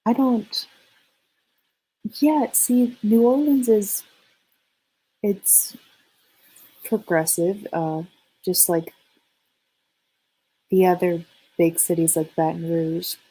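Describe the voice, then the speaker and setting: American female, husky and very unhurried, halting casual stream conversation, hesitant phrasing. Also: on the low side, dark tone, low-quality recording. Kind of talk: casual chat on a livestream.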